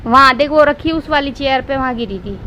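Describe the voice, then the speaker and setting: Woman, young mother, casual family vlog, coaxing and teasing, high-pitched, faint noise behind. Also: fairly quick, sharp tone. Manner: chatty, coaxing and teasing with her child.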